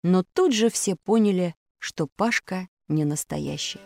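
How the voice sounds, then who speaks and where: A woman narrating a children's story aloud in an expressive, animated way. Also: fairly low pitch, a little slow, vocal fry.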